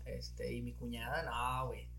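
A man's voice: mid-range voice, measured pace, vocal fry. A young man with a northern Mexican accent from Monterrey, telling stories in a casual chat and swearing freely. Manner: slangy, swears freely, excitable storytelling.

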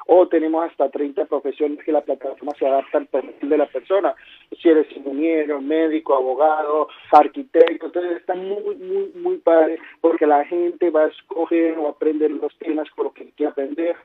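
Husky man on a phone line. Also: no echo. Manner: salesy pitch, peppered with "¿sí?" checks. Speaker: language school director. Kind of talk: promotional phone interview. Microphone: telephone. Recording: tinny dry phone line.

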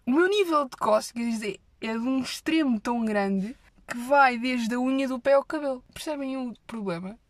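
Young adult woman, European Portuguese accent, comic vlog monologue, animated and exaggerated, bright higher pitch, dry close mic. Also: moderate pace, no echo. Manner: animated, exaggerated storytelling, dropping her voice for asides.

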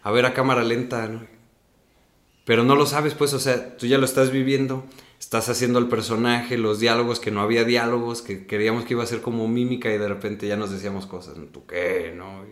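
A man's voice: mid-range voice, a little fast, reverberant. A young man with a Mexican accent, telling his acting story in a casual interview, ending many phrases with "¿no?". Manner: animated storyteller, tags sentences with "¿no?".

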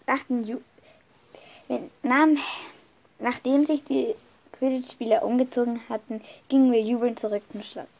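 A woman telling an improvised first-person story, lively, with frequent restarts and self-corrections. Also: a little high.

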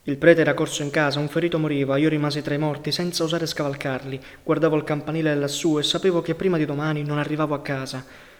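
A man reading a novel aloud in a measured, grave narration. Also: on the high side, little pitch movement, in a large hall. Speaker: audiobook reader.

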